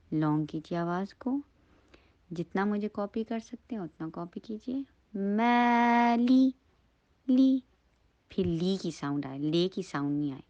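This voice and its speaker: A woman teaching Quran recitation, going over each syllable slowly and patiently so students can copy her. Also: on the low side, warm tone, no room sound. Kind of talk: slow tajweed lesson with modeled recitation. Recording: dry, dull lo-fi recording.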